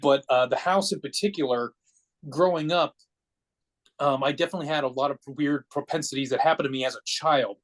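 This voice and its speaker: This is a forty-year-old man from Connecticut, United States, with an American accent, guesting on a podcast. He tells personal stories casually, rambling in a matter-of-fact way. His mid-range voice is brisk, and the recording quality is low.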